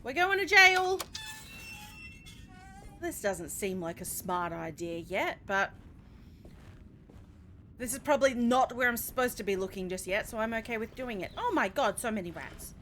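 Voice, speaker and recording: A young Australian woman commentating live as she plays a video game, animated, swearing and laughing often. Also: medium pitch, moderate pace, soft background music. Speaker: streamer.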